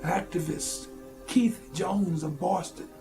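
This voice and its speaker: A man's voice: sits high, steady tone, takes it slowly, vocal fry, music in the background, rough recording. A man giving scripted voice-over narration that introduces the speakers of a documentary.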